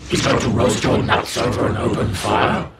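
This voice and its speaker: An actor playing a possessed young man who speaks in a demonic voice, slow and menacing, from a film clip. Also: fairly even intonation. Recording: film clip with loud background rumble.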